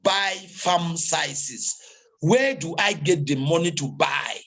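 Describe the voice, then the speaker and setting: Husky man preaching on a video call. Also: fairly high pitch, animated, slow, fairly bright tone. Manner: preachy, exhorting crowd, repetitive. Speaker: online meeting host. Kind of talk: motivational talk on a video call.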